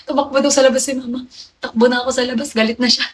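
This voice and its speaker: A woman's voice: high-pitched, fairly even intonation, a little fast, a little hiss or hum, rough recording. A young woman hosting a livestream, chatting and confiding to her viewers and answering their comments by name. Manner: chatty, confiding, reads out viewer names and replies to them. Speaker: livestream host. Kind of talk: casual livestream chat with viewers.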